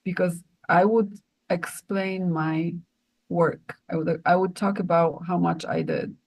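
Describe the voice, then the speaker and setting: A woman's voice: lowish voice, steady tone, a little slow, a little mellow, rough recording. A woman co-hosting a spiritual podcast, talking in an earnest, rambling way with many restarts. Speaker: podcast co-host.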